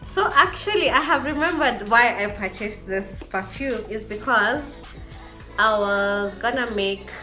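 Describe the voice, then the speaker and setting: A woman's voice: on the high side, lively intonation, unhurried, bright, forceful tone, soft background music. A woman vlogger chatting casually to camera in an effusive way, often repeating words for emphasis.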